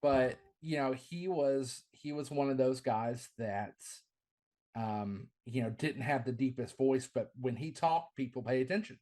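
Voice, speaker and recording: This middle-aged man calls wrestling matches and works as a ring announcer, and here he's chatting casually on a podcast. He sounds keen and tends to double up words when starting a phrase. His voice carries without being deep, and it comes across mellow and a touch slow.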